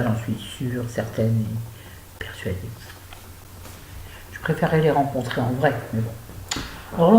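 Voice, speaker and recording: An older Frenchwoman with a deep, rumbling, dark voice chats about books at home as a book vlogger. She rambles, pokes fun at herself, and exclaims a lot, and the room echoes with a faint hum.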